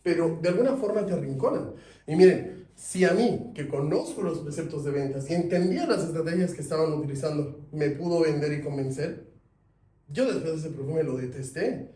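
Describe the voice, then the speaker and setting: A man teaching a sales class, lively, asking his students questions. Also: a little high, a little fast. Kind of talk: classroom lecture. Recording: echoey room, mic at a distance.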